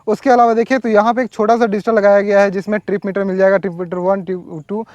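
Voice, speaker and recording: Male reviewer, high-pitched, chatty and explanatory, filler-heavy, dry close-mic sound. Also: level tone, quick pace, darkish tone, no echo, dull audio. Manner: conversational, explaining features with frequent fillers. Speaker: motorcycle reviewer. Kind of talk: casual product walkaround. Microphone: wireless or helmet mic.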